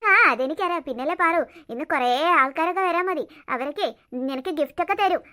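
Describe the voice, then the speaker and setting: A woman's voice: extremely high pitch, fast, pushed and bright. A woman voicing a smug, bossy older sister who teases her younger sister. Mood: teasing. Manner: teasing, bossy. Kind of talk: cartoon voice acting.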